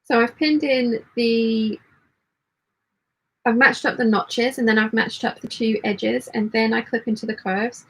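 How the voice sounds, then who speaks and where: Slightly husky, higher-pitched woman chatting while sewing. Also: steady tone, a little slow, poor audio. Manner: muttering commentary while working; reads chat messages aloud. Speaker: sewing livestream host. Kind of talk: casual live sewing chat, talking through the work.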